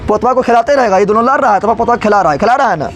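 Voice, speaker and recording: A man's voice: high-pitched, lively intonation, rapid-fire, a little hiss or hum. A male teacher, explaining a story to his class and repeating his own questions before answering them.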